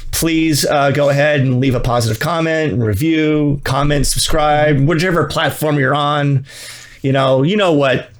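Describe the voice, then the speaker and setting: A man's voice: on the high side, normal speed. Rambling, chatty male podcast host. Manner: chatty, rambling with fillers and restarts. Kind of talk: casual movie podcast chat.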